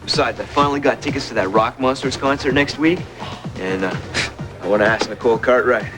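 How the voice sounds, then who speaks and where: A man's voice: mid-range voice, close to an everyday voice, poor audio. A young actor playing a nervous teenage boy with hiccups who stammers and hesitates in a comedy sketch. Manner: halting and stammering. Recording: TV sketch with music and studio audience laughter. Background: music.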